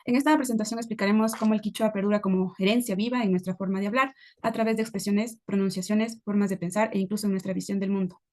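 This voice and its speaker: A woman's voice: medium pitch, steady tone, fast talker, few pauses, darkish tone. A woman giving a class presentation, reading a prepared introduction. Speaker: student presenter.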